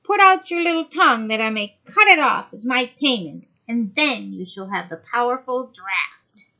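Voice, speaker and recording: A woman voicing a cruel, mocking old female sea witch in a storybook reading, loud, high and gloating. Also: animated, normal speed, vocal fry, full character voice.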